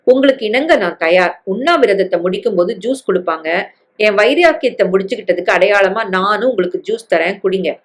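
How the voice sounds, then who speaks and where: A woman voicing a defiant young woman who stays calm and firm after a killing, in a read-aloud story. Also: medium pitch, brisk, lightly acted. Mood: feigned compliance. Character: woman in her thirties, defiant killer who stays composed.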